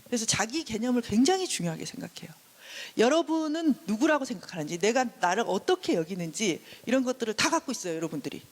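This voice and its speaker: A woman's voice: a little high, very animated, fast talker, big-room sound. A woman giving a counseling lecture, who acts out what parents say to their children. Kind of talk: classroom lecture.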